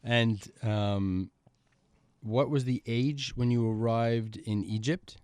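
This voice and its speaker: Man, podcast host, excitable, rambling, mid-range voice, dry studio sound. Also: takes it slowly, clear, resonant tone, dry recording. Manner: excitable, rambling introductions with big pitch swings. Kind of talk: studio interview. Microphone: studio microphone.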